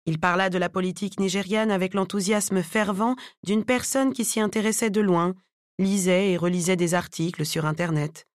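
A woman's voice: medium pitch, no echo. Woman narrating an audiobook, dry close sound. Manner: measured, even storytelling. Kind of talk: scripted narration.

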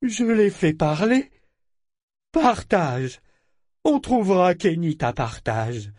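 A man's voice: sits high, very animated, takes it slowly, darkish tone, no room sound, studio quality, voice pushed up, exaggerated voice. A man voicing a living wooden ship figurehead that speaks like a frightened, defiant little boy, in a childlike, pleading yet aggressive way.

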